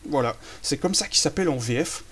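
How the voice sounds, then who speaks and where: A man's voice: fairly high pitch, lively intonation, a little fast, music in the background. A man chatting casually through a behind-the-scenes commentary on his own fan film, self-amused and full of hesitations.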